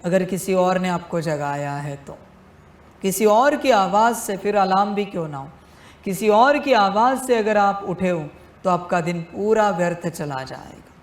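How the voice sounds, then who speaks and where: A male spiritual teacher giving a devotional discourse, speaking deliberately and repeating phrases for emphasis, addressing listeners fatherly as his children. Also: high-pitched, reverberant.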